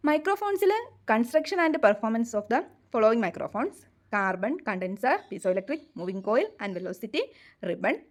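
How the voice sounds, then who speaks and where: Slow, measured woman reading a syllabus. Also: a little high. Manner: reads technical terms in English, comments in Malayalam. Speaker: exam coaching teacher.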